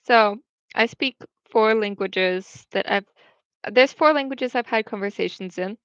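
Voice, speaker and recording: On her casual stream, the young host chats in a mid-range, slightly bright voice at a measured pace, switching between English and French as she reads comments. Her home audio is dull and dry, with no room sound.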